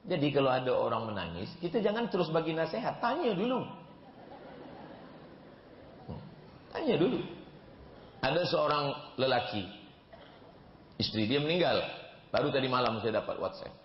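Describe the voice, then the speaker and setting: A male preacher giving a sermon in a large hall, dramatic, slowing and rising for emphasis, with joking asides. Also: mid-range voice, big pitch swings, slight background noise. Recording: echoey hall, dull sound.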